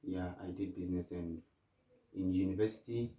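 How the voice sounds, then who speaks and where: Young Ghanaian man, low voice, rambling guest answers, roomy and off-mic. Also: fairly even intonation, moderate pace, mellow, distant mic. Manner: thoughtful, rambling with restarts. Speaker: interview guest. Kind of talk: casual interview.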